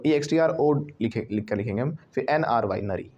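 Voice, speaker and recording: A man's voice: mid-range voice, lively intonation, a little mellow, dull audio. Male teacher drilling pronunciation. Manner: drills pronunciation by repeating words slowly; prompts the student to repeat, with frequent "right?" checks. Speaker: English teacher. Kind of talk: bilingual classroom lesson. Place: classroom.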